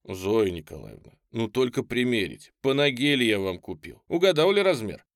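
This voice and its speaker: A man reading an audiobook, voicing a burly lustful man who pleads in a hoarse, breathy voice and bursts into shouts. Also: mid-range voice, very animated, moderate pace, no room sound, studio quality. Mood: coaxing.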